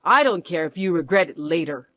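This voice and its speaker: A reader voicing an older, entitled mother-in-law who is shrill, pushy and indignant in a scripted audio story. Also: lively intonation, brisk, a bit bright, no echo. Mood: indignant, demanding.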